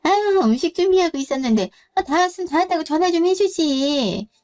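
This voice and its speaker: A woman's voice: very high-pitched, animated, a little fast, a little mellow, faint music behind. A woman voicing a flustered, fussy middle-aged mother in a story drama. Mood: fussing. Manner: fussy, exclaiming.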